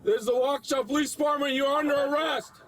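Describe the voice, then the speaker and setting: Cop on a car loudspeaker, high-pitched, stern clipped commands. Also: male voice, steady tone, fast, heavy background noise. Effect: through a police car loudspeaker. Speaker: police officer. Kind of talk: commands shouted over loudspeaker.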